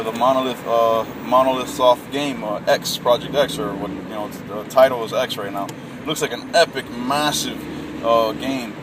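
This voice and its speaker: A man in his late twenties ranting casually about gaming, calling everyone man and bro, with a lot of fillers. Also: mid-range voice. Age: late 20s. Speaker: gaming vlogger. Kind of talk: casual rant to camera. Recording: distant mic with loud traffic and air conditioning. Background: vehicle and urban noise.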